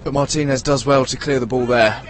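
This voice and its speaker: A man's voice: mid-range voice, fairly even intonation, fairly quick. Guy calling a football match live outdoors, chatty, keeps tripping over names. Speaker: football commentator.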